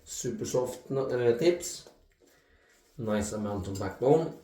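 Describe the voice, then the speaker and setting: A man in his thirties talks through his shave at a slow, unhurried pace, with plenty of ums and restarts. His voice is mellow and relaxed. The sound bounces around an echoey bathroom. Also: mid-range voice. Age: 30s. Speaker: shaving video host. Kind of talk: casual talk-through vlog. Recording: echoey room.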